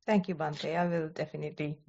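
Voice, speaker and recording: A female moderator keeps an online question session running in a polite, apologetic way. Her voice is slightly low for a woman. The sound is muffled, as over a video call. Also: steady tone, fairly quick, creaky, darkish tone, husky.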